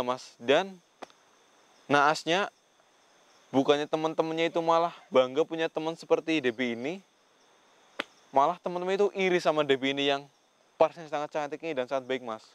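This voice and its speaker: A man's voice: on the high side, fairly quick, long pauses, clear, resonant tone. A man hosting a paranormal investigation vlog, talking earnestly to a spirit and to his viewers. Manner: earnest, speaks to spirits and viewers, keeps saying "Mas". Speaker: ghost-hunting vlogger.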